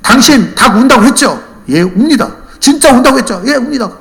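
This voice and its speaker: A woman's voice: lowish voice, sing-song, quick pace, voice pushed up. A man voicing an earnest older countrywoman, a church deaconess, who presses her questions insistently. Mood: indignant.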